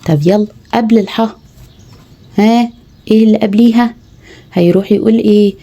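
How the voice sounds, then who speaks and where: A woman's voice: mid-range voice, fairly even intonation, normal speed, dark tone. A woman with an Egyptian Arabic accent, teaching mothers how to tutor their children, patiently spelling out letters one by one. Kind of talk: home tutoring lesson.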